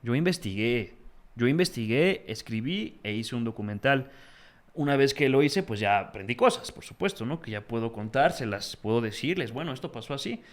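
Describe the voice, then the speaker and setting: A young man with a Mexican accent, a guest in a casual interview, telling stories in an animated, slangy way. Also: medium pitch, fairly quick. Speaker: guest, magazine founder.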